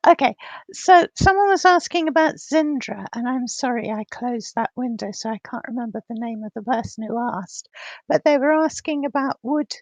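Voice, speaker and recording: A woman's voice: fairly high pitch, expressive, normal speed, no room sound. A woman co-hosting a casual livestream chat, her voice coming through glitchy, robotic voice-chat distortion. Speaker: livestream co-host asking questions.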